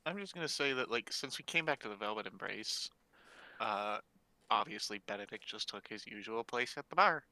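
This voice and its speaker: A man's voice: lowish voice, animated, normal speed, bright, forceful tone. A man playing a tabletop game, joking and hesitant with lots of fillers. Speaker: player. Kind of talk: casual tabletop role-play.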